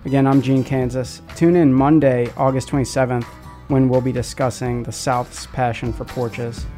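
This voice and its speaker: Male radio host, mid-pitched mellow voice, friendly scripted delivery, faint music bed. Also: level tone, normal speed. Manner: friendly, scripted intro and outro. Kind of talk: radio show hosting.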